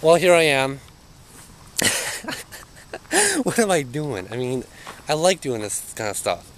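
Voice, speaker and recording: A man's voice: a little high, wildly swooping pitch, slow pace, a bit bright, low-quality recording. Young man, handheld camera, outdoors in an overgrown yard, hesitant, mutters and trails off, faint outdoor noise. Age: young adult. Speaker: urban explorer vlogger. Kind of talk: handheld exploring vlog.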